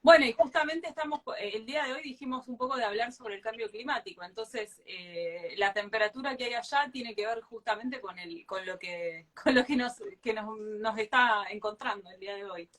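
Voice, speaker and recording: A woman's voice: fairly high pitch, moderate pace, few pauses, fairly bright tone. A woman with an Argentine accent hosting a casual live video chat, hesitant and full of fillers. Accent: Argentine Spanish. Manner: hesitant, many fillers and restarts. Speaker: host of a live stream. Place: Mar del Plata, indoors.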